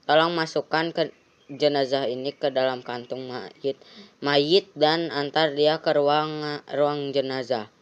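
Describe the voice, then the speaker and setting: A game streamer reading out a morgue supervisor's orders in a flat, instructive way. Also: medium pitch, slow pace, smooth, lo-fi sound, lightly acted. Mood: matter-of-fact.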